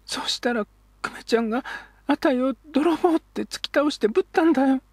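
A small boy with a high, husky voice pleads and sulks, voiced in a childish old-Edo manner, as a male storyteller puts him on. The sound is dry and close, with no room around it. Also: brisk, no echo. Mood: aggrieved. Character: small boy, hurt and sulky.

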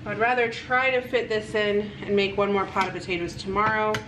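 A woman's voice: mid-range voice, fairly quick, noisy background. A woman in her thirties chatting casually in a home vlog, rambling and practical as she shows food and craft supplies. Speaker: family vlogger. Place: home kitchen and dining table.

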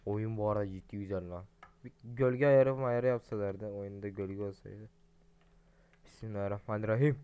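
A young adult man giving casual, profane, excitable commentary while playing a game and talking to his viewers. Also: fairly low pitch, normal speed, smooth, phone-quality sound. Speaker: gaming streamer. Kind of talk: casual let's-play commentary.

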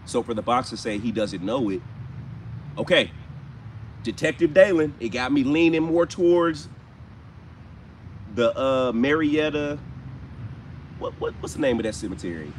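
A man hosting a live ghost-hunting stream, chatting casually and slowly calling out questions to spirits. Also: a little high, lively intonation. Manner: slow questions with repeated calls to spirits. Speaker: paranormal livestream host. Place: outdoors in a cemetery. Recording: outdoor noise, passing traffic.

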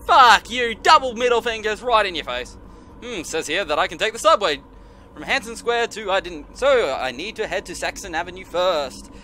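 A man's voice: high voice, animated, normal speed, sharp tone, a little hiss or hum. A man streaming a horror game with jumpy, scared, sarcastic commentary full of swearing and exclamations. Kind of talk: casual, profane let's-play commentary. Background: game music.

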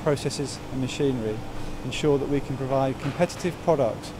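A middle-aged manager giving a formal, assured statement on a factory floor. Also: male voice, medium pitch, a little fast. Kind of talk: scripted on-camera statement. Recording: factory noise behind.

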